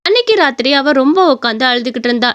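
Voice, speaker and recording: A woman's voice: high voice, big pitch swings, very fast, lo-fi sound. A woman with a Tamil accent narrating a cartoon story in a plain storyteller manner.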